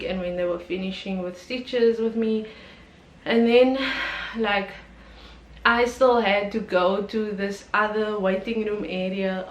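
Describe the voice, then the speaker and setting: A woman from South Africa telling a personal story on her vlog, candid and emotional, with lots of ums and likes. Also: mid-range voice. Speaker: YouTuber. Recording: roomy echo with faint background noise.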